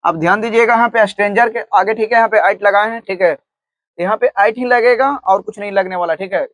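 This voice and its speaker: A man teaching an online grammar lesson who keeps asking his own questions and answering them, spelling words out slowly as he writes. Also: high voice, a bit bright, no room sound. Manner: repeats "theek hai" often, asks and answers his own questions; spells words out slowly while writing on the board.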